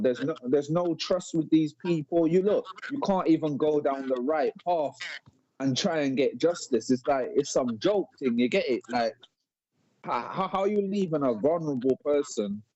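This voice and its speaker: A man's voice: mid-range voice, warm tone, no echo. A man telling a story in street slang on a live-stream debate, repeating words as he goes. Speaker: panel guest. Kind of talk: casual debate chat. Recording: dull lo-fi live stream audio.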